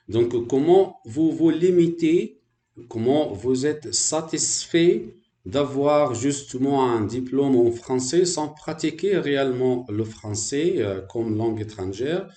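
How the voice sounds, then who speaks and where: A man's voice: medium pitch, mellow, roomy sound. A man from Egypt, a French language teacher, gives a hesitant talk to fellow teachers with many fillers and restarts.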